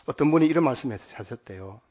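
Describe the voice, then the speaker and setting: A man's voice: mid-range voice, expressive, fast talker, darkish tone, husky. A man preaching a sermon as pastor, telling a story and asking the congregation questions.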